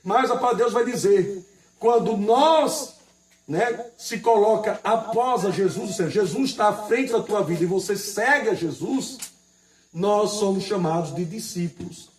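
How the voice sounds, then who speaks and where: High-voiced preacher in an echoey hall. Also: male voice, distant mic. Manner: repeats phrases, asks the congregation "Amém?"; reads scripture slowly and with emphasis. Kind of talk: sermon.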